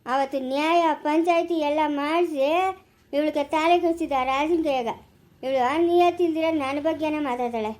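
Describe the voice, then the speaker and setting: A woman's voice: sits high, normal speed, darkish tone, close to an everyday voice. A woman playing a quarrelsome, indignant village man in a family skit, in a rural Chikkaballapura Kannada accent, scolding and ranting and repeating herself.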